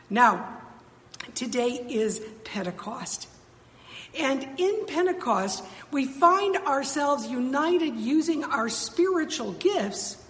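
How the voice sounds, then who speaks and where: High-voiced woman pastor in an echoing sanctuary. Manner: measured, formal pulpit delivery. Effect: cathedral-like echo of a church sanctuary. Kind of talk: sermon. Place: church sanctuary. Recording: long reverb from a large sanctuary.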